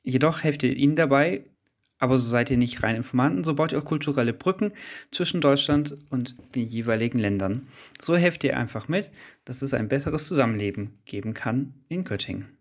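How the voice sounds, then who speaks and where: A man's voice: medium pitch, brisk. Young male student radio reporter. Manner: scripted, even narration with interview questions. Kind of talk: read-out radio feature narration.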